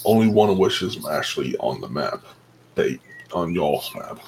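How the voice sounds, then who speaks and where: A man's voice: rumbling low, sing-song, moderate pace, gravelly. Nasal, congested male game master, noisy recording. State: congested from pollen allergy. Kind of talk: casual tabletop game narration.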